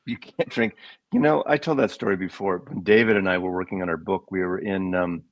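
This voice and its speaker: Deep gravelly older American man. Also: brisk, dry recording, highs cut off. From United States. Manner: rambling storyteller, digressive. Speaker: co-host. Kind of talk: casual livestream chat.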